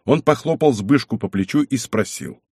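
A man narrating a historical novel as an audiobook, reading in a measured, expressive way. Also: mid-range voice, breathy edge, no echo, studio quality.

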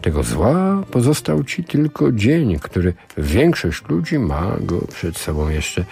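A man voicing a scheming older male sorcerer who lectures in a slow, measured way. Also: fairly low pitch, big pitch swings, gravelly, warm tone, slightly rough, soft background music, heavily acted. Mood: philosophical.

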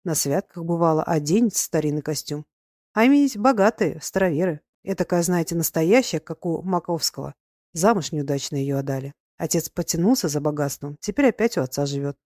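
A woman reading the lines of an anxious, fussy middle-aged country gentleman in a gruff, good-natured, abrupt way. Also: low-pitched, expressive, brisk, dry recording, clean studio sound.

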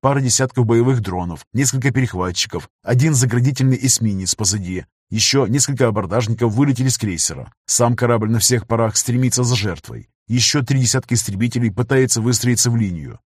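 A man narrating a sci-fi audiobook in a brisk storytelling manner. His voice is husky and middling in pitch. The sound is dry and close. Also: no echo.

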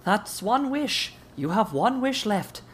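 A man's voice: sits high, big pitch swings, takes it slowly, fairly bright tone, slight background noise, voice pushed up, full character voice. A man doing an Irish leprechaun. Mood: stern. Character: male Irish leprechaun granting wishes.

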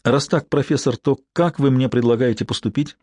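A man's voice: medium pitch, fairly quick, dry recording, clean studio sound, close to an everyday voice. A man reading an audiobook voices a stern woman who directs a health agency, speaking curtly and with demands. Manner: curt, demanding, strained to stay calm.

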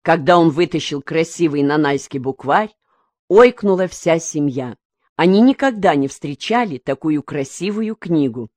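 A woman audiobook reader narrating a novel in an even, measured storytelling manner. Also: low voice, no room sound.

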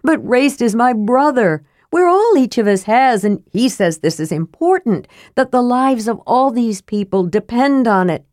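A woman's voice: a little high, lively intonation, measured pace, few pauses, a little mellow, dry recording, clean studio sound, voice pushed up. An earnest, fumbling young man, read by a woman. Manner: earnest, fumbling, lame replies. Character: gentle, loyal young man, awkward and earnest.

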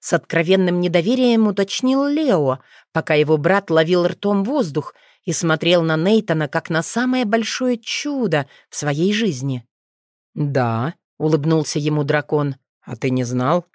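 A woman narrating a fantasy audiobook in an even, measured storytelling manner. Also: fairly low pitch, no echo, studio quality.

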